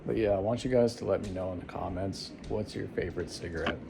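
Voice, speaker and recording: A man's voice: low voice, fast, creaky. A man talking casually to viewers in a rambling, laid-back, informal vlog style. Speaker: vlogger. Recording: some background noise.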